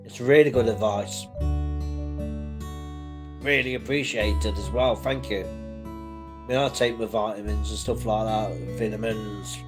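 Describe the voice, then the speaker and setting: A man's voice: mid-range voice, a little slow, pauses often. Uk guy rambling through chat comments on his stream, kind and reassuring, faint guitar behind. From United Kingdom. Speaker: livestream host. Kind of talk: casual live-stream chat reading viewer comments.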